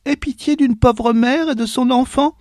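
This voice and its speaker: A man's voice: very high-pitched, steady tone, normal speed, darkish tone, no echo, clean studio sound, voice pushed up. A man voicing a poor young wandering mother who pleads humbly for help. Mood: plaintive. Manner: pleading, plaintive.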